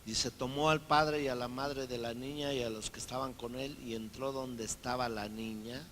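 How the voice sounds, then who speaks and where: Pastor guy preaching, bright punchy voice, acts out quotes, slight rumble behind. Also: steady tone, normal speed. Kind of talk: sermon.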